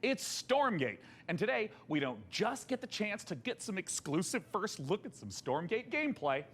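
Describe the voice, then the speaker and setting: Male showcase host, theatrical and tongue-in-cheek; highish, very lively delivery. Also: normal speed, a little hiss or hum. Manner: theatrical, playfully self-mocking. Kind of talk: scripted show hosting.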